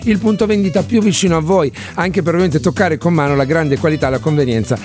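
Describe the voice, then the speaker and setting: A man's voice: fairly high pitch, fast, darkish tone, faint music behind. A man presenting live radio as a chatty, playful Italian quiz host.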